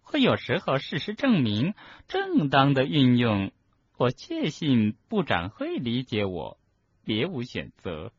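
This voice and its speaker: A man voicing a cruel middle-aged witch official in an audiobook, speaking slowly, softly and with menace in a husky voice. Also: medium pitch, wildly swooping pitch, highs cut off, voice pushed up, full character voice. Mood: menacing. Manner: slow, soft and menacing. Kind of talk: audiobook character reading.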